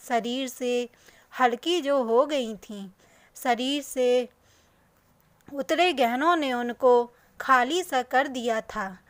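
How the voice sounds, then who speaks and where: A woman narrating an emotional family story in the first person, in a slow, soft and sorrowful reading. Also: sits high, clear, resonant tone, no room sound.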